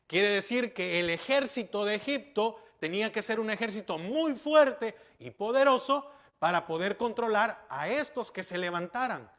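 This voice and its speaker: A man's voice: high-pitched, expressive, moderate pace, hardly any pauses, a bit bright. A man pastor preaching a sermon, asking rhetorical questions and repeating key words for emphasis.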